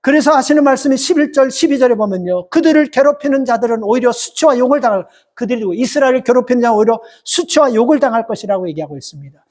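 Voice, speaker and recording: A middle-aged male pastor preaching a sermon in an emphatic way, repeating short phrases for stress. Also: extremely high pitch.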